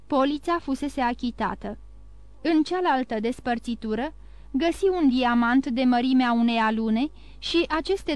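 Clear, high-voiced woman reading a novel. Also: darkish tone, no room sound. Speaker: audiobook narrator.

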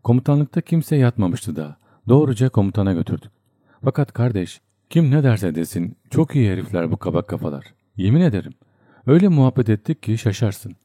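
A man's voice: on the low side, big pitch swings, brisk, dark tone, husky, no echo, studio quality. A man reading a chatty homesick young soldier. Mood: cheerful. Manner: rambling confiding storyteller.

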